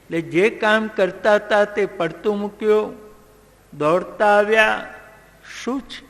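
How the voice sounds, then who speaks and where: Slow, gravelly male religious storyteller. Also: high-pitched, fairly bright tone. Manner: slow and measured, breaking into song. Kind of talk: devotional storytelling with sung passages. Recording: long hall reverb.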